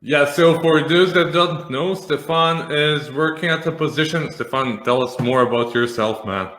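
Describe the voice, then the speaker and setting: A man's voice: fairly high pitch, normal speed, a bit bright. A man from Serbia with a Serbian accent, hosting a casual interview in an informal, hesitant, rambling way. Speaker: host. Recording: echoey room sound.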